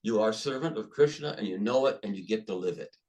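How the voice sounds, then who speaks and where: An older man, a podcast guest, speaking emphatically and telling stories with animated restarts. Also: lowish voice, fast, poor audio. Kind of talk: conversational interview storytelling.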